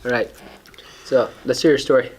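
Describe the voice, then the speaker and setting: A man's voice: mid-range voice, fairly even intonation, normal speed, breathy edge, rough recording. A man chatting casually while eating for a mukbang, with short reactions and hums between bites. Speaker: mukbang co-host.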